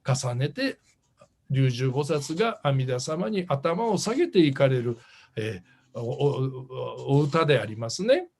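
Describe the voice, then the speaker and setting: An older man, a Buddhist minister giving a dharma talk who gently asks the congregation questions and sometimes slips into English phrases. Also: mid-range voice, animated, slow pace, vocal fry. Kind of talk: dharma talk at a temple service.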